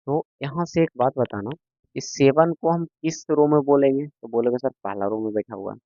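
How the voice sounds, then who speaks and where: A man's voice: medium pitch, normal speed, dark tone, no echo. A man teaching a maths lesson to a class, patient and repetitive, often checking that students follow. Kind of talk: classroom lecture. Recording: dull lo-fi sound, dry.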